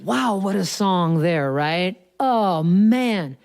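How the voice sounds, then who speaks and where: A woman with a lowish, expressive voice speaks very slowly as she livestreams from a studio, chatting eagerly about the craft of songwriting between songs. She breaks into humming and sung lines to make her points. Clear piano plays behind her, picked up by a studio mic at the piano.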